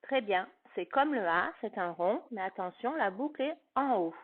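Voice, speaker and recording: A woman's voice: mid-range voice, animated, moderate pace. A woman teacher giving a phonics lesson to a young child, with patient, carefully articulated speech. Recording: tinny phone-like sound.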